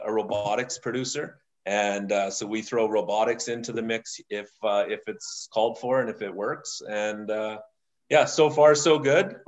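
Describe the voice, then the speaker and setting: A man talking casually as a guest about his company, earnest and rambling with many fillers. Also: on the low side. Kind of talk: casual interview talk.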